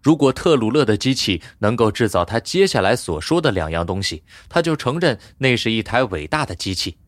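A man narrating an audiobook in a scripted, expressive storytelling style. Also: fairly low pitch, fairly quick, no room sound, clean studio sound.

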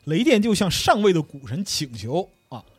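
A man's voice: a little high, sing-song, moderate pace, husky, dry recording. A man hosting a podcast, telling a story in a traditional storyteller cadence with playful slang asides. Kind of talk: comic storyteller narration.

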